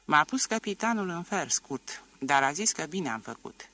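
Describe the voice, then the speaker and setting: A man's voice: fairly high pitch, lively intonation, bright, forceful tone. A man voicing a stubborn peasant man and former soldier, talking bluntly and insistently in an audiobook.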